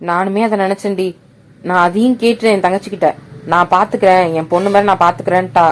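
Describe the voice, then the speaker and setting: A woman's voice: mid-range voice, fairly even intonation, fast talker, voice pushed down, natural voice. A woman voicing a talkative village father telling his wife news. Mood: happy. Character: cheerful village father, proud of his daughter.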